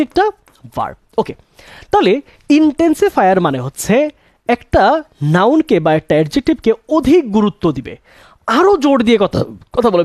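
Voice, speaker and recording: A young man gives a classroom-style English grammar lesson, quizzing his students, answering his own questions, and repeating key words, his voice rising and falling a lot. His voice is high with a darkish tone, and the sound is dry and close with no room sound.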